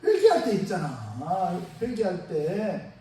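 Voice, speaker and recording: A man preaching a Sunday sermon as pastor, lively and conversational, throwing rhetorical questions at the congregation. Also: high voice, a little slow. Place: church sanctuary. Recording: echoey church sound from far off, faint noise.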